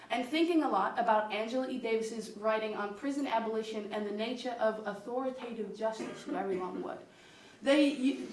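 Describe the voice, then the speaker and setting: A woman performing as a pompous fake scholar with a put-on theatrical accent, lecturing in deadpan mock authority. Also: a little high, a little hiss or hum, lightly acted. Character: pompous fake male scholar, loud, smug. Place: echoey school exam room. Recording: echoey room, mic from far off.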